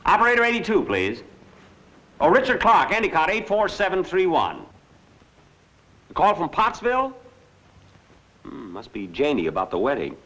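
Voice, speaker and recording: An American actor playing a broke, dithering lawyer in 1940s screwball comedy banter, dry and stammering. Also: male voice, fairly high pitch, huge pitch swings, moderate pace, long pauses, a bit bright, heavily acted, rough recording. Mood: anxious. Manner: dry wisecracking, flustered stammering. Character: broke, dithering male lawyer, putting on a brave front. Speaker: lead film actor.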